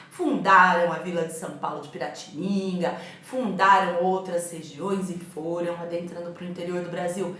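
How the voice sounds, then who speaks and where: A woman's voice: lowish voice, fairly bright tone. A Brazilian woman teacher recording a remote lesson from home, chatty and encouraging, often checking in with her pupils. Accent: Brazilian Portuguese. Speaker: schoolteacher. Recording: very echoey room at home.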